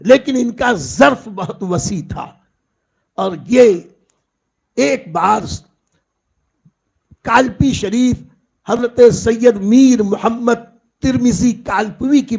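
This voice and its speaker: A man's voice: sits high, creaky, slightly rough. A man preaching a devotional sermon, telling stories of saints and addressing the audience as his friends. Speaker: Islamic preacher. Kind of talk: Urdu sermon storytelling. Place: large gathering, public address.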